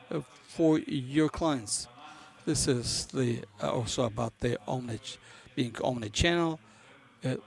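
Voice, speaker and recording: Guy presenting at a business conference, non-native english, kinda halting, hunting for words. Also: mid-range voice, gravelly. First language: not English. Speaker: conference presenter for a banking software company.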